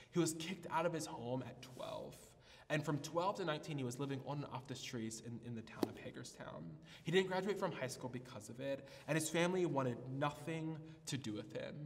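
Guy preaching a sermon, lively pitch that rises and falls, lots of restarts and "uh"s, big echoey hall. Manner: storytelling with many restarts and fillers. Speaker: pastor. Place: church hall.

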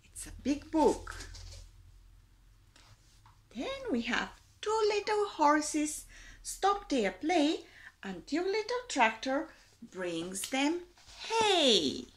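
A teacher in her forties reading a counting picture book aloud to young children, in a slow, expressive storytime manner, in a small room. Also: high voice.

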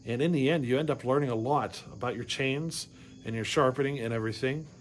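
A man in his forties talks chainsaw chains to the camera inside his garage workshop. His voice sits in an ordinary middle pitch, and he rambles, backtracks and keeps checking in with "you know what I mean". Faint crickets chirp in the background. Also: brisk, a little hiss or hum. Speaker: chainsaw channel host. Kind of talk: casual shop talk to camera.

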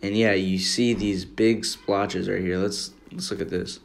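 This young American man from Minnesota, a teen or young adult, makes amateur videos and talks over a screen recording in a rambling, informal, earnest way. His voice is deep and creaky, his delivery flat and measured. The recording, made in a room at home, sounds roomy and echoey with background noise.

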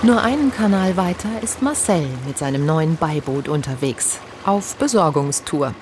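Documentary narrator, woman, lowish voice, calm, even storytelling, steady background noise. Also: normal speed. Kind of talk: scripted narration.

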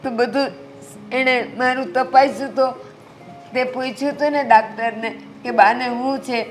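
A frail elderly mother with a pleading, plaintive way of talking, played by an actress. Her voice sits a bit high for a woman. Soft music plays under her lines in this short-film drama. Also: steady tone, moderate pace, close to an everyday voice. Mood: tearful. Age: older. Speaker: mother-in-law.

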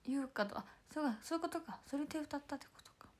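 A young woman hosts a casual livestream and reads out fan comments. Her voice sits high but sounds hoarse and worn out. She moves between bright greetings and breathy, murmured asides. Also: quick pace. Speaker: idol livestream host.

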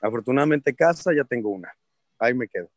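A man's voice: mid-range voice, fast talker, dry recording, studio quality. A man with a Mexican accent, a politician giving an interview, telling stories in blunt slang, laughing often and acting out other people's voices. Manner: lively storyteller who acts out other people's voices. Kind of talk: casual interview chat.

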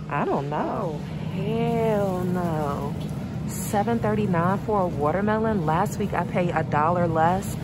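With background noise around her, a deep-voiced woman who works as a therapist and vlogger walks store aisles holding her phone. She chats eagerly to her viewers, addressing them as y'all in this relaxed shopping vlog.

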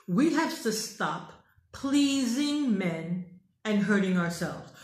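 Emphatic American woman coaching in a roomy space. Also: medium pitch. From United States. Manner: emphatic, preachy, repeats phrases for emphasis. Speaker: dating coach. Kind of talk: direct advice monologue. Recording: roomy echo.

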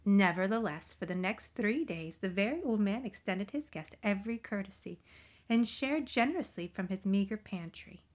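A woman reading a children's picture book aloud, gentle and expressive, often dropping into soft whispers. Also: mid-range voice, moderate pace. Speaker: storybook reader.

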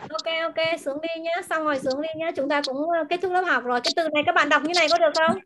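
A woman teacher in an online class, patiently explaining words and pronunciation and repeating them slowly over a video call. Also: extremely high pitch, steady tone, background noise. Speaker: language teacher.

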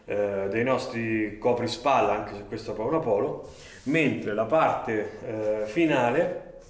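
A man's voice: lowish voice, a little slow. Man presenting a product in a roomy studio. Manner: explanatory, frequent fillers and check-ins. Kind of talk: product demonstration.

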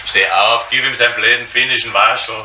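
An actor with a Viennese accent playing a gruff, sardonic homicide detective in his fifties in a radio crime drama. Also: mid-range voice, steady tone, brisk, natural voice. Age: 50s. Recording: noisy recording.

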